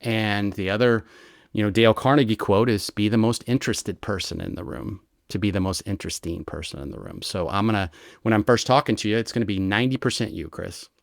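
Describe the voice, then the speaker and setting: A man, a retired American federal agent, explaining his methods in an interview with lively examples and frequent "right?" checks. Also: fairly low pitch, a little fast, vocal fry, no echo, clean studio sound. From United States. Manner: animated storyteller, explains with examples and rhetorical "right?". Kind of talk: conversational explanation.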